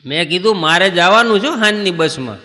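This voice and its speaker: A man's voice: sits high, lively intonation, brisk, bright, forceful tone, in a large hall. A man performing stand-up comedy, telling anecdotes and acting out short exchanges between people. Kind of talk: Gujarati folk stand-up storytelling.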